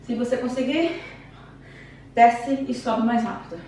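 A woman's voice: a little high, fairly even intonation, measured pace, darkish tone. Brazilian portuguese woman, fitness instructor, chatty and upbeat, a bit out of breath, very echoey room, far from the mic. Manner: chatty, encouraging, counts down reps. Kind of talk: home workout coaching. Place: room at home. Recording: very echoey room, distant mic, faint noise.

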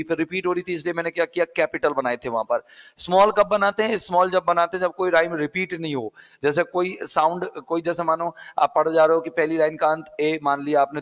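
A man's voice: fairly high pitch, a bit bright, in a large hall. A male English teacher from Rajasthan with a Rajasthani Hindi accent, teaching a live exam-prep class step by step, repeating key words and asking and answering his own questions.

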